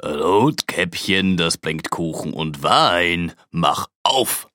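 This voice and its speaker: A woman voicing a sly, hungry male wolf who speaks slowly and coaxingly. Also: extremely low pitch, animated, fairly bright tone, dry recording, clean studio sound, pitched below the performer's own voice, full character voice. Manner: slow, coaxing and sinister.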